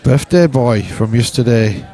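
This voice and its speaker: A man giving relaxed, wry commentary on a snooker match. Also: mid-range voice, a little slow. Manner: wry, teasing, chatty. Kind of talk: relaxed live sports commentary.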